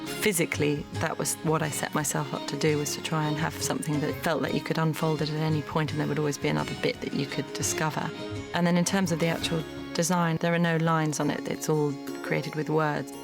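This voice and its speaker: A woman's voice: low-pitched, flat delivery, fast, vocal fry. A woman film designer speaking in an interview, explaining her process methodically. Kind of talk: interview reflection. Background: music.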